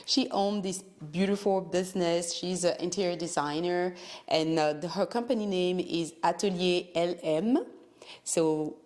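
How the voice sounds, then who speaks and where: A woman's voice: on the low side, a little slow, a little mellow. A woman hosting a casual interview in a home, friendly and enthusiastic, asking questions and paying compliments. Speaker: interviewer host. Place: a client's home.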